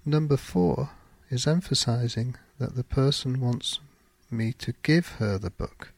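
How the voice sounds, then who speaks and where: A man hosting a podcast, teaching English pronunciation in a slow, careful teaching monologue with clearly spaced example sentences. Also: mid-range voice.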